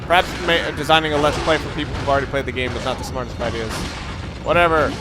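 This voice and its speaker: This gaming creator talks very fast in a steady, mid-range voice, rambling casually and joking at his own expense during a let's play. Loud video game music and sounds play behind him.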